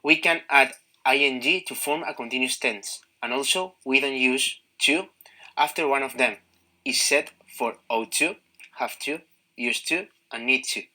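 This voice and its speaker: Slow, bright male lesson narrator. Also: medium pitch, low-quality recording. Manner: slow and measured.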